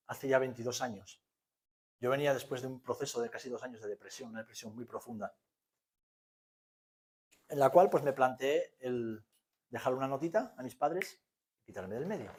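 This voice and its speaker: A male pastor in his forties with an accent from Spain, preaching a sermon that swings from hushed to loud. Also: medium pitch, moderate pace, long pauses. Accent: Spanish from Spain.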